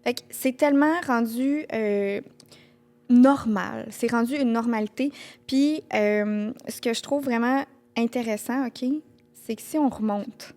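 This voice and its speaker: A woman's voice: a little high, measured pace, darkish tone. A young woman with a Québécois accent hosting a casual chat, sharing statistics with playful swearing. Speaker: podcast host.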